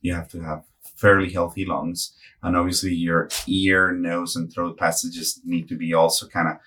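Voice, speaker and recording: A man's voice: low-pitched, little pitch movement, normal speed, sharp tone, husky. A man hosting an interview, asking long, winding questions. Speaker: podcast host.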